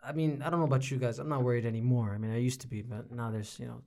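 A man's voice: mid-range voice, fairly even intonation, very fast, gravelly, a little mellow. A young man with a Toronto urban slang accent, chatting casually and insistently as a podcast panelist, often repeating phrases for emphasis. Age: young adult. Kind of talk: casual chat.

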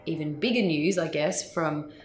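A woman's voice: sits low, moderate pace, roomy sound, slight background noise. A woman hosting an interview show, friendly and teasing in a casual way. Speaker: podcast host.

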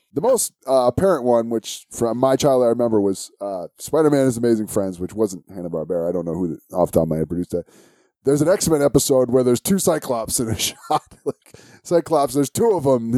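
Mellow, animated male podcast host. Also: mid-range voice, no room sound. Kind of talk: casual chat.

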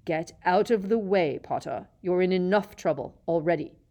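A woman's voice: lowish voice, normal speed, mellow, close to an everyday voice. A woman reading aloud and voicing a cold, bitter middle-aged male teacher with a silky, sneering manner in a storybook. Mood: menacing. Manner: sneering, silky, rising to shrieks.

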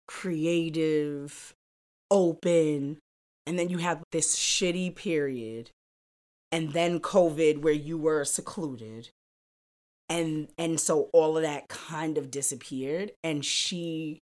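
A woman in her forties, a mother co-hosting a casual chat podcast with her daughter, teasing and unhurried. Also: deep voice, a little mellow.

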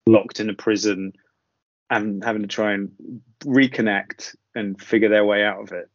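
Hesitant man, dry low voice. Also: fairly even intonation, moderate pace, no echo. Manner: hesitant, musing, trails off. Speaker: podcast co-host. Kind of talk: casual film chat. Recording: dry, dull lo-fi audio.

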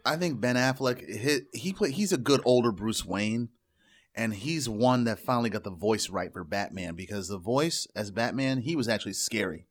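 A man chatting casually about movies as a podcast co-host, talking in quick bursts with restarts. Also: lowish voice, lively intonation.

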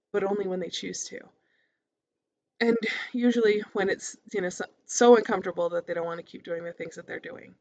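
Calm therapist-voiced woman, slightly dull recording. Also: medium pitch. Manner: casual, conversational, encouraging. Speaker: therapist hosting a podcast. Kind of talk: informal motivational monologue.

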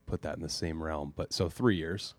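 A man in his twenties, a golf coach, recapping a meeting in relaxed podcast chat with fillers. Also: rumbling low, moderate pace, no echo. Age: 20s. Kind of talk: casual chat.

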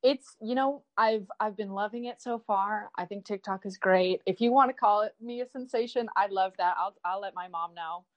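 Young woman guest, middle-pitched, chatty, rambling with fillers. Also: normal speed, few pauses, muffled recording. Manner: chatty and animated, with many fillers and self-repeats. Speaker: guest, online comedian. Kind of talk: casual interview chat.

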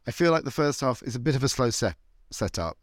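A man's voice: medium pitch, big pitch swings, fast, dry recording, studio quality. A British man hosting a show with the theatrical, flamboyant manner of a campy drag queen, chatting comedically. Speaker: podcast host, cult movie show. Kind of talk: casual comedic chat.

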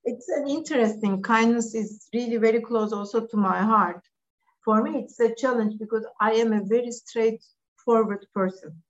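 Her voice is fairly high and at a normal pace, with the highs cut off in the recording. She's a middle-aged Turkish businesswoman on a podcast, giving earnest, direct answers in non-native English and restarting a few times.

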